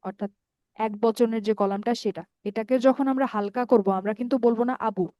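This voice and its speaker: A woman's voice: fairly high pitch, fairly even intonation, no room sound, dull audio. Patient woman teaching Arabic grammar. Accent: Bangladeshi Bengali. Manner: patient, explains step by step, often checks with "ঠিক আছে?"; repeats word forms slowly and draws out long vowels. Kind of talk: online grammar lesson.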